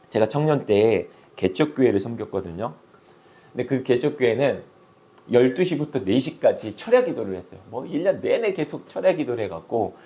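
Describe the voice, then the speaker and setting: A middle-aged male pastor preaching a sermon, telling a story with animated delivery and acted-out voices. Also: medium pitch.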